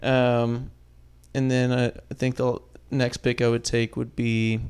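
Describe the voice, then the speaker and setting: A young man co-hosts a podcast in loose, casual chat, hesitating and trailing off as he thinks aloud. His voice carries a gravelly fry yet stays smooth and resonant underneath. He sits at a middle pitch for a man. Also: little pitch movement, takes it slowly, a little mellow. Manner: hesitant, trailing off, lots of fillers. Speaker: podcast co-host.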